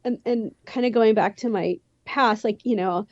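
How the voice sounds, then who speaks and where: A woman's voice: mid-range voice, moderate pace, darkish tone, no echo, highs cut off. A woman with a Southern California Valley Girl accent, a youthful teenage-sounding voice and a slight lisp, chatting casually and ramblingly as an interview guest. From San Fernando Valley, California. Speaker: musician, podcast guest.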